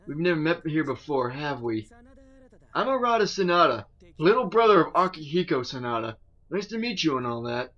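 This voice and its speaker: A cocky young man from a video game needles others in a smug, offhand tone, read by a man in his own register. His lines come with lively pitch movement. The sound is slightly dull and lo-fi. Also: moderate pace.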